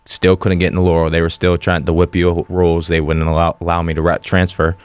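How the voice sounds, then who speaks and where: A young man in his twenties from western Pennsylvania, a podcast guest talking about himself in a matter-of-fact way. His voice is very low and flat but smooth and clear, and the recording is dry and close. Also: fairly quick, dry recording. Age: 20s. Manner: plain, matter-of-fact storytelling. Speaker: guest, fighter. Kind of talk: casual interview.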